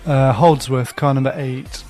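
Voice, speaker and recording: A man co-commentating a live race, chiming in with relaxed asides. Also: medium pitch, measured pace, faint music behind.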